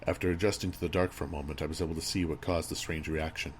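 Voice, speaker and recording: Male horror narrator, very deep register, measured and grave delivery, slight background noise and ambience. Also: fairly even intonation. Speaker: creepypasta narrator. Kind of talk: scripted horror story narration.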